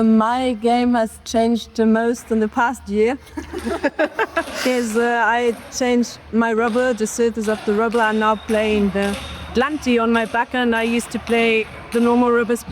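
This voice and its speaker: A woman's voice: medium pitch, slight background noise. Thoughtful woman athlete in her thirties. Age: 30s. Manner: relaxed, thoughtful, with fillers.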